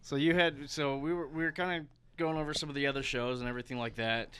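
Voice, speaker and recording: A man's voice: on the high side, fairly even intonation, fast talker, fairly bright tone, clean tone. A man hosting a studio podcast, talking casually with many fillers and restarts. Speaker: podcast host. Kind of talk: casual chat.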